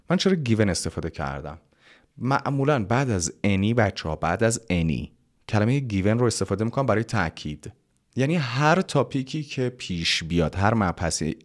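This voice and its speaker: A man teaching English vocabulary in a casual lesson. He reads English sentences slowly, spells words out letter by letter and explains them in plain, chatty talk. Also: on the low side.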